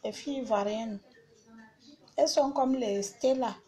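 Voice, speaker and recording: A woman's voice: on the high side, a little slow, warm tone, slightly rough. A woman hosting a live stream, talking casually and bluntly, repeating herself as she insults her critics.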